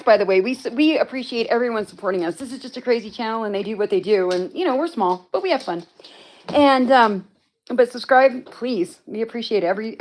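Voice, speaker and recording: A woman hosting a casual livestream from home, rambling through a story and answering viewers' comments as they come in. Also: fairly high pitch. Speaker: livestream host.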